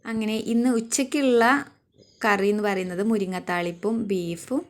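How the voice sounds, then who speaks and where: A woman's voice: medium pitch, normal speed. A woman, narrating her home day as a vlogger in a homely, chatty voice-over. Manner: homely, chatty, adds a soft "tto" to her sentences. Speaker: vlogger and mother.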